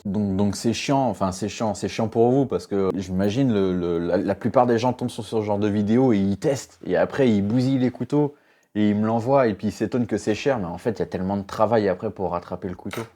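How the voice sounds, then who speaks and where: A man's voice: lowish voice, fairly quick, dark tone. A knife sharpener giving casual reaction commentary, a man who talks bluntly, swears, laughs often and sounds exasperated.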